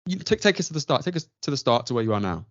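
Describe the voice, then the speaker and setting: A man hosts a casual podcast chat and asks earnest, thoughtful questions. His voice has a medium pitch. The sound is dry and close, with a dull lo-fi quality. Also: sing-song, racing, dry recording. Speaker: podcast host.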